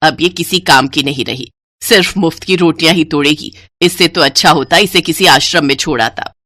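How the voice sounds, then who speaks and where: A woman's voice: low voice, normal speed, bright, forceful tone, no room sound, clean studio sound. A woman voicing a harsh, bossy older mother-in-law who scolds with contempt. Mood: scornful.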